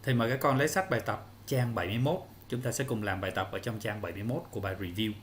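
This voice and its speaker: A man's voice: fairly low pitch, very fast, fairly bright tone, slight background noise. A male English teacher, explaining answers step by step to children in an online lesson.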